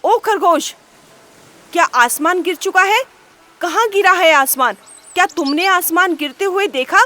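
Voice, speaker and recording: A woman voicing a stern, commanding lion king in a children's storybook, booming out demands. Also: big pitch swings, measured pace, a bit bright, full character voice.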